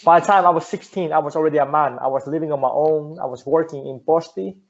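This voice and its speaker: A young native Finnish speaker from Finland appears as a guest entrepreneur in a casual interview, talking earnestly and often repeating words or restarting. His voice is a little high and fast, and the audio has its highs cut off.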